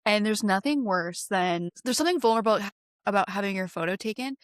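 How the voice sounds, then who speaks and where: A woman hosting a podcast interview answers her guest with empathy and shares her own feelings. Her voice sits at a middle pitch. The recording is close and dry. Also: quick pace, no echo. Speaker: podcast host. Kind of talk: casual interview chat.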